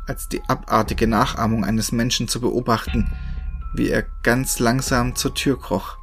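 Male narrator, steady first-person horror reading, soft music bed. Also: mid-range voice. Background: faint music.

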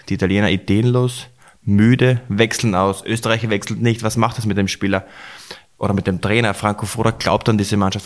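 A hoarse man, hosting a sports recap podcast and talking in a rushed, emotional way. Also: lowish voice. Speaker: podcast host.

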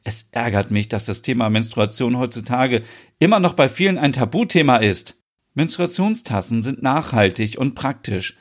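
A man's voice: mid-range voice, lively intonation, normal speed, natural voice. Matter-of-fact young woman, read by a man, patient and explaining, storybook reading.

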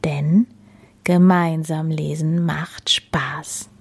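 A woman reading a children's storybook aloud, narrating softly, often in a whisper. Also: low-pitched, little pitch movement, extremely slow, vocal fry, husky.

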